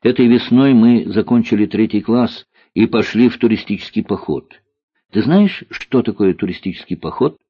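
A man with a husky voice voicing an earnest, sad young boy pilot in an audiobook story. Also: lowish voice, expressive, normal speed, no echo, pitched above the performer's own voice. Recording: dull lo-fi dry recording.

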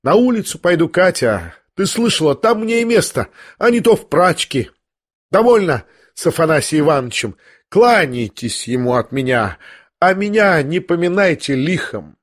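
A man's voice: a little high, very animated, moderate pace, voice pushed up. A man reading an audiobook voices a proud, reckless young woman who gives orders and defies everyone. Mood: bitter farewell. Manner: imperious, defiant.

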